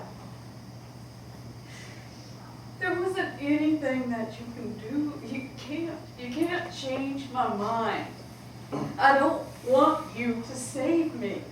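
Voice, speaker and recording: A woman acting the part of a weary adult daughter in a stage play, speaking in a calm, measured, resigned way. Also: high-pitched. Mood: explaining. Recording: echoey hall from far off, background noise.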